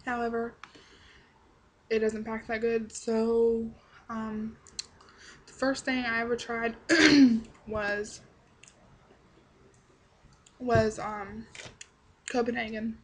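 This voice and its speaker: A woman's voice: a little high, steady tone, extremely slow, long pauses, background noise. A young woman giving a casual, chatty review to camera, rambling along in a blunt, salty-tongued way. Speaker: product reviewer.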